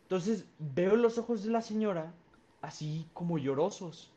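A man's voice: sits high, expressive, unhurried, warm tone. A young man with a Mexican Spanish accent telling a story on a podcast in a rambling, slangy way with lots of fillers. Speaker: podcast co-host. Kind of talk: casual storytelling. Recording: dull lo-fi sound.

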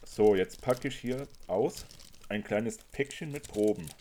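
Casual male co-host, low-pitched, chatty and quick to laugh. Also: a little hiss or hum. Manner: chatty, animated, laughs often while sniffing samples. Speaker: perfume reviewer co-host. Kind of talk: casual chat.

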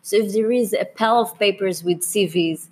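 Earnest woman explaining, mid-pitched. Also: moderate pace. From Israel. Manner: earnest, explains with frequent restarts and repeated words. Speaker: cross-cultural business consultant, guest. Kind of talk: explanatory interview talk.

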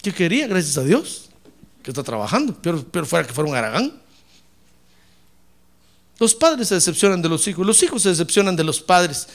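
A man preaching a lively sermon as a pastor, acting out church members in comic voices. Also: high-pitched, moderate pace, long pauses.

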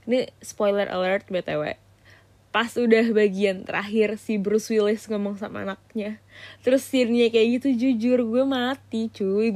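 A woman's voice: medium pitch, darkish tone, no echo. A woman hosting a solo podcast, chatting in a slangy, gushing way with lots of fillers. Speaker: podcast host. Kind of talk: casual solo podcast chat.

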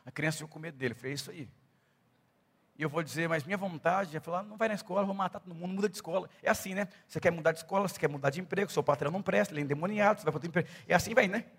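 Fervent high-voiced preacher in a hall. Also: male voice, racing, slightly rough. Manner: builds from calm storytelling to loud fervent preaching. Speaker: pastor. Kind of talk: sermon. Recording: echoey hall reverb.

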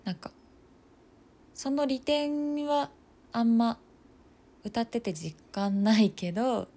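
A young woman in her twenties chatting casually on her own, thinking aloud as she goes, with plenty of fillers and the odd soft laugh. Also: fairly high pitch, expressive, slow. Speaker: nursing student podcaster. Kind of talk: casual solo talk.

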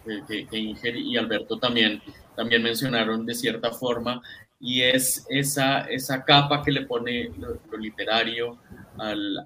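A man with a medium-pitched voice moderates a literary discussion. He is discursive, circling back to restate his questions, with faint noise in the background. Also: pushed and bright, poor audio. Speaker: panel moderator.

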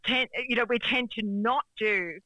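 A woman's voice: fairly high pitch, unhurried, bright, forceful tone, dry recording, poor audio. A woman talking as a guest on a radio show, speaking in an earnest, reflective way with small laughs. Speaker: guest, coach. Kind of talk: radio interview.

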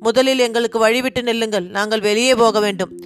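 A woman's voice: a little high, steady tone, fast talker, close to an everyday voice. A woman reading as a bold outspoken young woman. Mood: defiant. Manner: bold, sharp-tongued.

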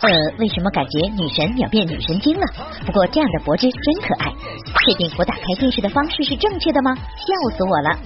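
A woman's voice: on the high side, very animated, fast talker. A woman reading scripted narration for an entertainment news report. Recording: slightly dull sound over loud music.

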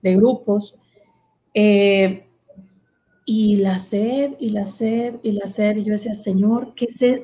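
A woman shares her personal testimony in a relaxed interview. Her voice sits a little high, and she talks earnestly with plenty of fillers and pauses. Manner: earnest, storytelling, many fillers. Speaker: guest sharing her vocation testimony.

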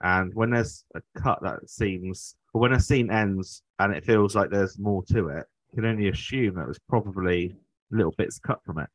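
A man's voice: on the low side, moderate pace, no echo, poor audio. A British man hosting a podcast, chatting casually in a rambling, conversational way. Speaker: podcast host. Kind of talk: casual chat.

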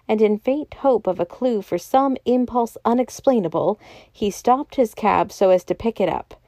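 A woman narrating a novel aloud in a steady, measured reading. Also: mid-range voice, no echo. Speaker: audiobook narrator. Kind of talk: scripted narration.

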